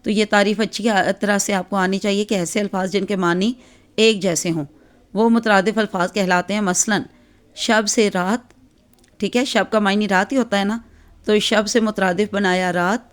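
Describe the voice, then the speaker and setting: A woman with a Pakistani Urdu accent teaching an exam-focused grammar lesson, explaining patiently with frequent check-ins and filler pauses. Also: mid-range voice, fairly even intonation.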